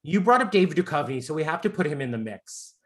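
Fast and fairly bright, his fairly high voice swings widely in pitch. He's a man near forty with Southern American roots, Long Island-born and Florida-raised, joking his way through a casual celebrity chat as an effusive, campy interviewer.

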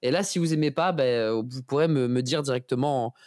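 A man's voice: medium pitch, brisk, a little mellow, dry recording, studio quality. A man co-hosting a podcast, chatting casually and enthusiastically, pleading with listeners and using a lot of slang. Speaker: podcast co-host.

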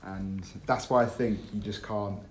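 A man answering interview questions, hesitant and quick to laugh. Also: lowish voice, fairly even intonation. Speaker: interview guest, business owner. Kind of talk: casual interview. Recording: roomy with faint background noise.

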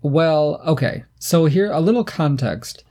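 A man's voice: fairly high pitch, measured pace. A man in his thirties co-hosting a casual podcast, telling stories in a playful, irreverent way. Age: 30s. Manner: animated storytelling, playful and irreverent. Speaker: podcast co-host. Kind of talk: casual chat.

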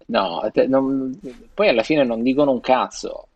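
A man's voice: medium pitch, a little slow, creaky, dull audio, over a noisy crowd. A man with a Sicilian accent, co-hosting a podcast in slangy, profane, joking casual chat. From Sicily, Italy. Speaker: podcast co-host.

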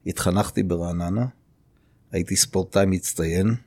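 Deep-voiced man, slow and hesitant. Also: steady tone, darkish tone, breathy edge, no room sound. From Israel. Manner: unhurried, many hesitation fillers. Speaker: podcast guest, city mayor. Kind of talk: conversational interview.

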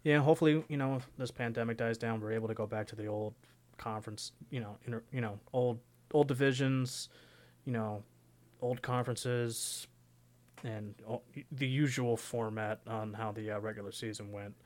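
A man's voice: medium pitch, fairly even intonation, moderate pace. A young man co-hosting a sports podcast, talking casually and rambling with lots of "you know". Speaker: podcast co-host.

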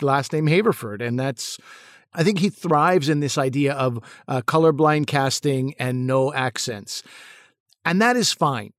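A male actor and comedian answers interview questions in a reflective way. His voice sits a bit high, and he often stumbles and repeats words as he thinks aloud. The sound is close and dry. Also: no echo.

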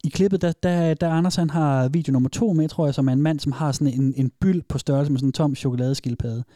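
A man co-hosting a podcast in a studio, chatting casually, agreeing often and quick to laugh. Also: a little high, warm tone, no room sound. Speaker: podcast co-host.

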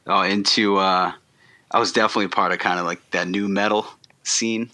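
A man guesting on a podcast, talking in a relaxed, rambling way with many ums and restarts. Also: sits low, moderate pace. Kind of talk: casual interview chat.

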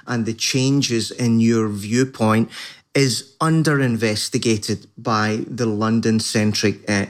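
A man co-hosting a podcast in a conversational style, with halting, thoughtful phrasing. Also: medium pitch. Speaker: podcast co-host.

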